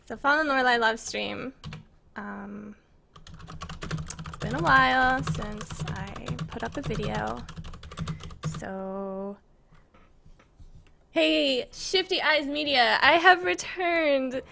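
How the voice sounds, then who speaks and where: She speaks slowly and with long pauses, her high-pitched voice gravelly, pushed and bright, over a little hiss or hum. An American game map maker and live streamer, she is indoors at a computer in an apartment, chatting casually to viewers and rambling in a giggly, self-conscious manner.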